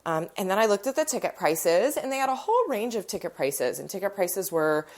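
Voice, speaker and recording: Recorded on a phone in her living room, a woman hosts a podcast while nasal and congested from a cold, telling rambling stories in a casual chat. Her mid-range voice is very animated, brisk, and a bit dark in tone.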